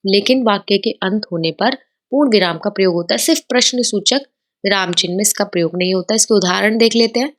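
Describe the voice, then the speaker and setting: A woman's voice: medium pitch, fast. A woman teaching a grammar lesson over slides, explaining patiently and mixing in English words.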